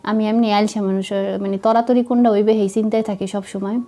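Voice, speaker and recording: A young woman with a Madaripur Bengali accent, chatting to viewers while she cooks, slightly hoarse from a cold and making fun of herself. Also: medium pitch, steady tone, fast talker, dark tone. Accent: Madaripur Bengali dialect. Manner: chatty, self-mocking, talks to viewers while cooking. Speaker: vlogger. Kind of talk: casual cooking vlog narration.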